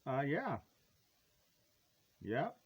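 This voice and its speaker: In casual, rambling, halting talk, a man presents a retro collectible with hammy, folksy playfulness and drawn-out words. His pitch is medium but swings hugely, with a breathy edge, on a lo-fi recording.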